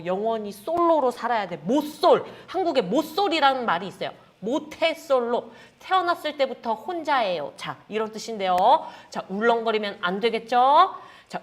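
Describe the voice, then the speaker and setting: A woman teaches a Korean class with a lively, swooping delivery. Her voice sits fairly high, and she acts out each feeling with playful sound words while chatting warmly to her students as friends. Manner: addresses students as friends, frequent "자". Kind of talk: lively online Korean lesson.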